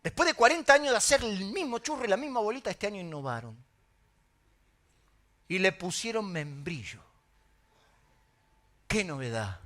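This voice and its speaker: A middle-aged Argentine man preaching a sermon as pastor, telling stories in an animated way with emphatic exclamations. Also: sits high, moderate pace, pauses often. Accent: Argentine Spanish.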